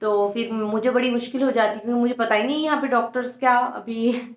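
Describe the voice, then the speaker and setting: A woman's voice: a little high, steady tone, fast talker. A young woman vlogger chatting casually to her viewers, often dropping English words into her talk. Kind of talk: casual vlog chat. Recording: echoey room.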